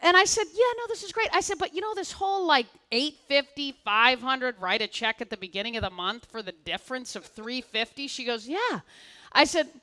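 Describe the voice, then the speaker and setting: A middle-aged woman speaking on a conference stage, telling a story in an animated way and acting out both sides of the dialogue. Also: fairly high pitch, normal speed. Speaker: keynote speaker. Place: conference stage before an audience.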